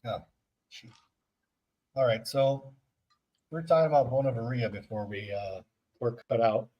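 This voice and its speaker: A man's voice: medium pitch, moderate pace, lo-fi sound. A man co-hosting a casual livestream podcast, telling history in a rambling, joking way. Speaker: podcast co-host.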